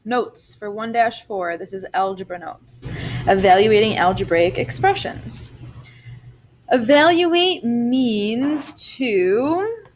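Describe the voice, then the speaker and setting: A woman's voice: mid-range voice, a little slow, a little hiss or hum. Chatty woman teaching algebra step by step. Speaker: math teacher. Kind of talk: recorded algebra lesson.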